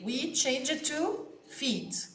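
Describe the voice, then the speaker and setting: Very slow Egyptian woman teaching English. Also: sits high, lively intonation, a bit bright, reverberant. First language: Arabic. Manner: repeats each word slowly and stresses it. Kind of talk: slow classroom vocabulary lesson.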